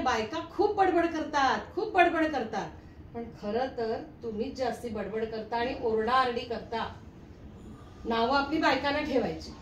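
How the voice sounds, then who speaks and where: An older woman in a comic sketch, nagging and scolding her husband at length. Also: a little high. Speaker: wife. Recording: echoey room, mic from a distance, faint noise.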